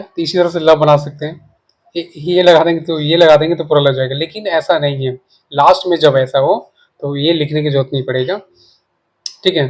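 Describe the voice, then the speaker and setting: A man's voice: on the high side, a little mellow. Man patiently teaching spelling, repeating himself. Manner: patient, repetitive, checks in with listeners often; explains while writing. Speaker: English teacher. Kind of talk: casual spoken lesson.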